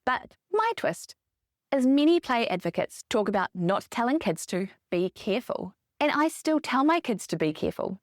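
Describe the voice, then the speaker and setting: A woman's voice: on the high side, very animated, moderate pace, dry recording. Upbeat woman hosting a dry podcast. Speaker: podcast host. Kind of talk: scripted podcast monologue.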